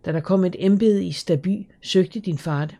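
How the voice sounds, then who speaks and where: A woman reading the lines of a gentle middle-aged aunt who soothes a child while breaking hard news. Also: lowish voice. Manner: soft, soothing, slightly shaky.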